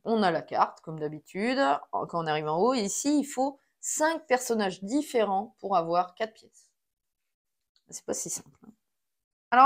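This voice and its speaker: In a relaxed, ongoing monologue, a woman voices each move of her solo board game, counting pieces and setting down cards aloud; her voice sits in the mid range.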